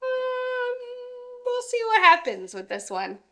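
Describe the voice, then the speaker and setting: A woman's voice: extremely high pitch, wildly swooping pitch, takes it slowly, pushed and bright, faint music behind. A woman in a casual reaction chat who speaks hesitantly and gets playfully defensive.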